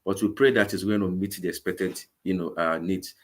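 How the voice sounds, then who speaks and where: A man's voice: deep voice, fairly even intonation, fairly quick, background noise. A man in his forties with a Nigerian English accent, a guest in a live video-call interview, talking earnestly and often repeating words. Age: 40s. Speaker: guest, vegan campaign organizer.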